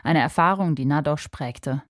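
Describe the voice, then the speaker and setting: A woman's voice: deep voice, normal speed, dry recording, clean studio sound. A woman reporter reading a scripted obituary narration. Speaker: radio reporter.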